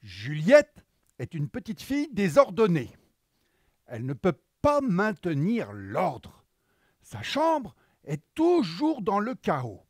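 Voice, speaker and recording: A man tells a children's story in a high voice with lively swings of pitch. He takes his time, narrating in an animated style. The sound is dry and close. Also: takes it slowly, no room sound.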